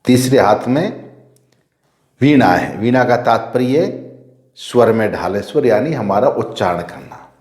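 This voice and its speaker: Priest who quizzes then answers himself. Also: male voice, mid-range voice, animated, measured pace, pauses often, darkish tone, reverberant. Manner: asks rhetorical questions and answers them himself; repeats key phrases for emphasis. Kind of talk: devotional teaching talk.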